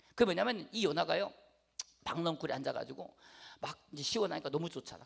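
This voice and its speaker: A man's voice: high voice, gravelly, fairly bright tone, slightly rough. A middle-aged male pastor preaching a sermon, emphatic and repetitive, often checking that his congregation understands. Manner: emphatic, repeats phrases, asks the congregation "아시겠어요?".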